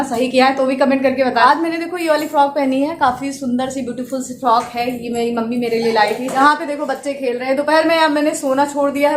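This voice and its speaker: A young woman chatting casually to the camera in a home vlog, talking straight to her viewers, recorded on a phone indoors at home. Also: high voice. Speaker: family vlogger. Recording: echoey room, faint background noise.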